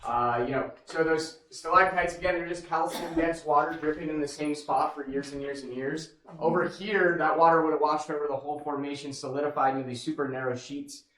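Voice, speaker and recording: A man's voice: a little high, fairly even intonation, a little fast, few pauses, a bit bright. A man working as a cave tour guide, talking casually and jokingly to a group in an echoing cave. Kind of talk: informal guided tour talk. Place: inside a large cave.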